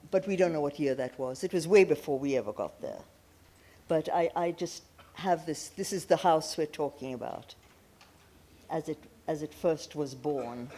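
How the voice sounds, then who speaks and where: An older woman, born in Pakistan, giving an illustrated talk on a festival stage, telling her family story in a warm, personal way with small restarts. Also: low voice. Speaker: festival panel speaker. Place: large auditorium stage.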